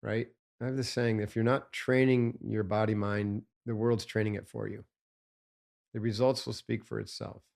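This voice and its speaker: A man's voice: lowish voice, flat delivery, normal speed, vocal fry, darkish tone. A man, a guest on a podcast interview, talking in an emphatic coaching tone and often asking "right?".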